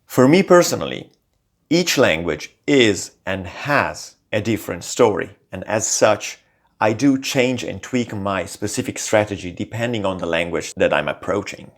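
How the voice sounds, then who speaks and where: A lower-voiced man whose first language is Italian speaks at normal speed, hosting a language-learning channel. His scripted talk to camera is lively, with shifting intonation and frequent small fillers.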